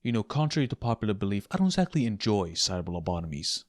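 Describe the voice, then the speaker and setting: A male YouTube essayist with a lowish, sing-song voice talks quickly over clearly audible music. Hosting a comedic scripted video, he sounds melodramatic and mock-grave, breaking into sudden emphatic bursts.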